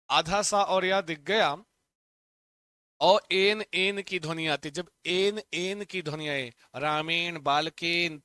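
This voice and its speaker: A man teaching a Sanskrit lesson online, chanting word forms in a steady rhythm and urging students to repeat them aloud. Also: high voice, clear, resonant tone, no echo. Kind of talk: online exam-prep lesson.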